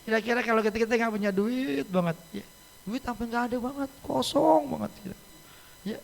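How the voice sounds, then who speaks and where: A man's voice: very high-pitched, a little fast, vocal fry, a little hiss or hum. A man giving a casual, joking sermon as an Islamic teacher in a mosque, often laughing as he talks. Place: mosque hall. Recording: echoey mosque hall.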